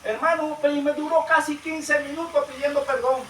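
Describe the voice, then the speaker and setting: A man preaching a sermon and telling a testimony, swinging between loud emphatic bursts and low hushed storytelling. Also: fairly even intonation, normal speed. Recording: echoey room, distant mic, noisy.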